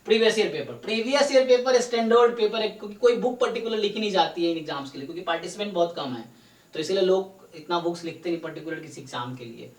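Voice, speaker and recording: A man's voice: high-pitched, expressive, fast talker. A man teaching a live online math class, explaining step by step and often checking in with his students. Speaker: statistics teacher. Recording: roomy echo, distant mic.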